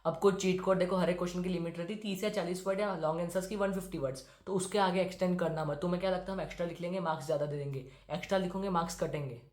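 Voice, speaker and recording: Fast-talking teenage boy, roomy sound. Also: high-pitched, fairly even intonation, a little mellow. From India. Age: teens. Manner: brisk, direct, instructive. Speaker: student giving exam tips. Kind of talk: study-tips talk to camera. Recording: roomy echo.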